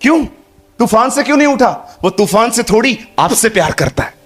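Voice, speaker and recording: A man's voice: very high voice, normal speed. Guy preaching to the church, acts out bits of dialogue, keeps asking the crowd stuff, bit of music under it. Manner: lively, acts out dialogue, addresses congregation. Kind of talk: sermon.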